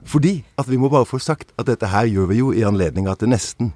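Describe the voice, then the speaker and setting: A man's voice: mid-range voice, animated, dark tone, soft background music. A man hosting a podcast in a conversational, wordy and playfully formal way. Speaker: podcast host.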